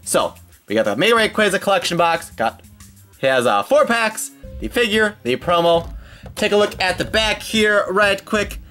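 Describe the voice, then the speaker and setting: A man hosting a card unboxing in casual commentary, with an animated, sing-song way of calling out items. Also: high-pitched, moderate pace, soft background music. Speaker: host of a trading card unboxing channel. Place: indoors at a tabletop set.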